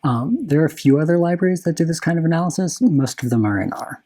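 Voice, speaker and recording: A man with a slightly husky voice giving a technical lightning talk as a software developer, often restarting and correcting his phrases. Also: a little high, animated, quick pace.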